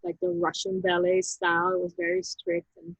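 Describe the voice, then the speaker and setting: A woman, telling her personal story as an interview guest in a halting, reflective way, with frequent restarts. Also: extremely high pitch, big pitch swings, vocal fry, no room sound, poor audio. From Netherlands.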